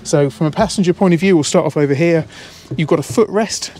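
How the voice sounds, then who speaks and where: A slightly high-voiced man in his thirties walks a camera through a boat outdoors at a marina. He talks with enthusiasm, repeating words and dropping in fillers as he points things out. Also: fast talker, a little mellow. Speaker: boat salesman. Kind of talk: walkthrough tour. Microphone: handheld camera, speaker walking around it.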